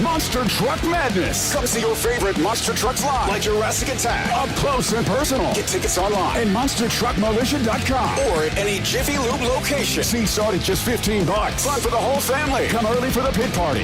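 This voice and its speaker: High-pitched hyped man, monster truck ad. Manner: punchy, hyped event-promo delivery. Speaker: ad announcer. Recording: loud music bed.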